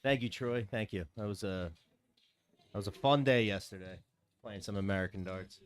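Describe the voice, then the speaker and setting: A man with a somewhat low voice co-commentates a live darts match. He talks casually and colloquially, teasing and bantering as he follows the play. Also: moderate pace, smooth.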